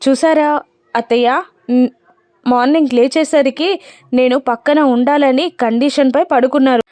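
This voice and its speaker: A woman's voice: high-pitched, steady tone, normal speed, darkish tone, no echo, natural voice. A woman voicing a devoted young wife who talks to her husband in an affectionate, playfully pleading way. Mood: teasing.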